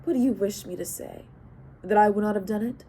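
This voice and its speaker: A woman voicing a calm, cunning male king and counselor who speaks in a measured, wry way. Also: medium pitch, slight background noise, lightly acted.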